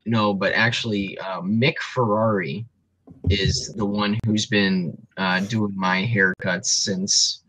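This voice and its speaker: A man co-hosts a laid-back sports talk show, his voice a little low but bright and forceful. He runs through rankings and records methodically, pausing on plenty of ums. The sound is close and dry. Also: little pitch movement, no echo, rough recording. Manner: analytical, reels off stats with frequent ums. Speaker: sports podcast co-host.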